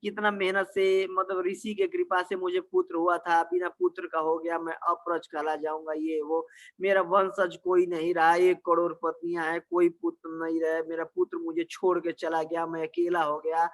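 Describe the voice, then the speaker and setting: A man's voice: on the high side, monotone, moderate pace, a bit bright, close to an everyday voice. A man voicing a king who wails in grief over his dead son, with repeated cries, inside a spiritual story talk. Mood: grief-stricken. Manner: wailing lament, repeated cries.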